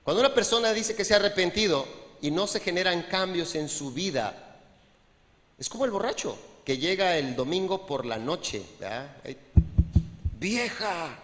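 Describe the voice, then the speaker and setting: A man preaches a sermon in a high, bright voice, joking with the congregation and acting out little scenes as he goes. His words echo with long reverb through a church hall. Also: expressive, moderate pace. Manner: conversational, humorous preaching with frequent asides to the congregation. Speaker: pastor.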